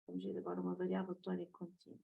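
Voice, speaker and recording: Husky, creaky-voiced woman lecturer. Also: on the low side, monotone, rapid-fire, narrow, tinny audio. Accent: European Portuguese. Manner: methodical, checks in with "ok?" often. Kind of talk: recorded math lecture.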